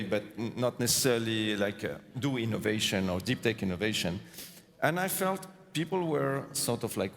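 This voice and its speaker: A man from Tunisia, a tech company founder, answering a panel question in an earnest, thoughtful way with hesitant restarts. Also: on the low side. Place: large conference hall stage. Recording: long hall reverb.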